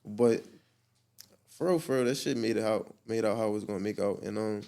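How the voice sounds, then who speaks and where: Young male guest, quick-paced, loose and profane, stops and restarts mid-thought. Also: lowish voice, creaky, dark tone. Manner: slangy, profane, rambling with many restarts. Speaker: guest artist. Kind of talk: candid storytelling interview.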